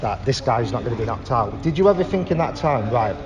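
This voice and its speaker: Quick-talking male interviewer in an echoey venue. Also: medium pitch, lively intonation, muffled recording. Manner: chatty, long leading questions. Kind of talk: casual sports interview. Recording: long echo, busy crowd behind.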